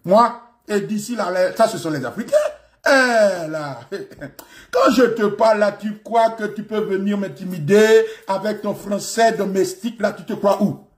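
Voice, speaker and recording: A man voicing a brash young man speaking French with an Ivorian accent, loud and swaggering. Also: sits high, a little slow, pitched above the performer's own voice. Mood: confrontational.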